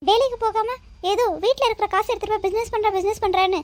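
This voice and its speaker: A woman's voice: very high voice, fairly even intonation, quick pace, pitched above the performer's own voice. A woman voicing a nosy, blunt middle-aged uncle in a cartoon, teasing and insulting his nephew with pushy questions. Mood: needling.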